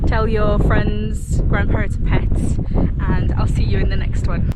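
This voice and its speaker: A woman's voice: medium pitch, little pitch movement, unhurried. A woman vlogging casually outdoors on a hike, raising her voice over the wind that buffets her microphone. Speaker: hiking vlogger. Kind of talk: casual outdoor vlog chat to camera. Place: outdoors on a windy hiking trail. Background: strong wind noise.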